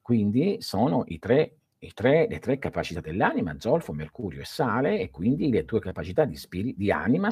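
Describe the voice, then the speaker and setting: A middle-aged man talks to his livestream viewers in a low, slightly husky voice. His pitch jumps around as he gets animated, and he often restarts his sentences. The sound is dry and close, with no room echo. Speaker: livestream host answering viewer questions. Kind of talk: casual esoteric livestream talk.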